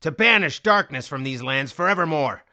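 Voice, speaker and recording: A man playing a defiant warrior commander in a fantasy audiobook, with a hoarse, cracking but strong voice and an impassioned, oratorical delivery. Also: a little high, expressive, moderate pace, pushed and bright. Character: defiant, fervent male warrior commander rallying his army. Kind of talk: dramatic fantasy audiobook acting.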